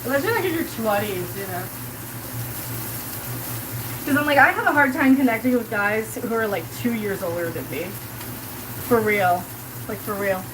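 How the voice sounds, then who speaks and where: A livestreamer from Colorado in her forties, with a South Kansas accent, talks to her chat and answers it aloud while cooking in her home kitchen. Her slightly high voice has lively intonation and a moderate pace, with frequent pauses, loose rambling and heavy use of "like," and there is background noise, including a clearly sizzling pan.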